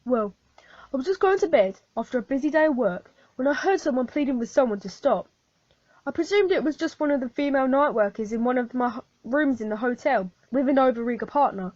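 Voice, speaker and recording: A woman's voice: high-pitched, animated, fairly quick, darkish tone, no echo. A woman playing a male hotel landlord in an amateur radio play, giving a plain, careful account as a witness. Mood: recounting. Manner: plain, careful storytelling testimony. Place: home, recorded alone. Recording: dull, dry home recording.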